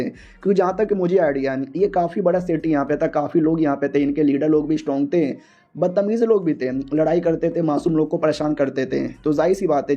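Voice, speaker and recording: A man's voice: on the high side, dark tone. A man retelling a manga story in a chatty, casual recap style, talking to his viewers. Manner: chatty, talks to the audience as "our main character". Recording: muffled lo-fi audio.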